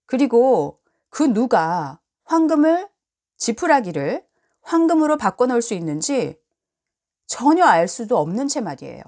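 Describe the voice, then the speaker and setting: A woman with a voice on the high side reads a children's storybook aloud, expressive and deliberate in her delivery.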